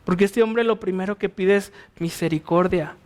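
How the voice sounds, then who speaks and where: High-voiced Mexican man preaching. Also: moderate pace, a little mellow, slight background noise. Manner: conversational, asks listeners rhetorical questions. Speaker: pastor. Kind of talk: verse-by-verse Bible teaching.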